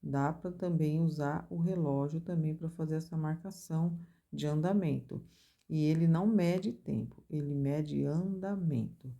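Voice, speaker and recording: A woman with a low, mellow voice teaches a music theory class. She explains each point step by step and chants rhythm syllables to mark the strong beats. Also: measured pace, gravelly. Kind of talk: recorded music theory lesson.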